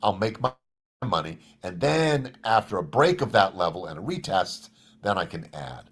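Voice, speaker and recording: A man's voice: low-pitched, big pitch swings, moderate pace, husky. A man teaching options trading in a casual live Q&A, thinking aloud and reading figures off a screen. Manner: conversational, thinks aloud with restarts, walks through numbers on screen. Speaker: trading educator.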